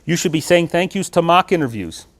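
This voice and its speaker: A middle-aged man speaks to a room of students about interviewing. He talks fast in a slightly raised voice and stays animated throughout. He keeps the room involved by asking the students questions. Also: fairly high pitch. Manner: animated, talks with his hands, asks the audience questions. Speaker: guest speaker on job interviews. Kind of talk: lively classroom talk to students. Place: lecture room with student audience.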